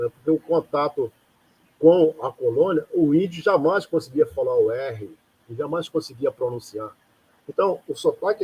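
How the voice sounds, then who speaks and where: Breathy raspy guy from rio, kinda high voice, rambling live lecture full of rhetorical questions. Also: darkish tone, rough recording. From Rio de Janeiro, Brazil. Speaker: lecturer hosting a live talk.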